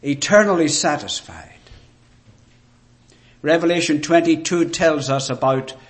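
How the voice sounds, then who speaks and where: A man with a Northern Irish Ulster accent preaching a sermon in a deliberate, rhetorical way with emphatic phrases. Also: on the high side. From rural Ireland, Ulster.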